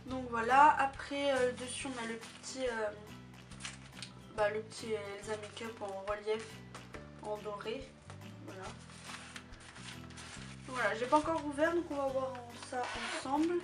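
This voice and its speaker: A woman chats through a product review in a slightly high voice, hesitating often between phrases. She sounds set back from the microphone, with music playing clearly underneath. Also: fairly even intonation. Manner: chatty, hesitant, many filler pauses. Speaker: beauty vlogger. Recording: distant mic with music behind.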